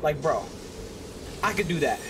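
A man's voice: fairly high pitch, big pitch swings, unhurried, noisy background. Jumpy young man playing a horror game. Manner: casual, swearing, easily frightened, chatty. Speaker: gaming channel host. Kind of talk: horror game let's play commentary. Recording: game music playing under the voice.

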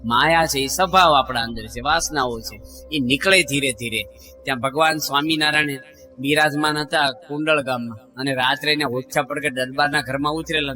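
A monk preaches in a folksy storytelling style, slipping into the voices of the people in his stories. His voice is fairly high and very bright. Faint music plays behind him. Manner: folksy storyteller acting out quoted dialogue. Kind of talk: devotional sermon with storytelling.

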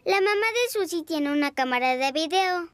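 A woman's voice: extremely high pitch, lively intonation, moderate pace. A woman with a Latin American Spanish accent voicing a cheeky little piglet girl in a children's cartoon, childlike and singsong. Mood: bubbly. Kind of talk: animated children's cartoon dialogue. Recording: loud music bed behind dialogue.

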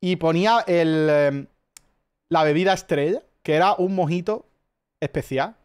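Male Spanish streamer, slightly high voice, loose profane storytelling chat. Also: a little slow, clean tone. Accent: Spanish from Spain. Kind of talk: casual chat.

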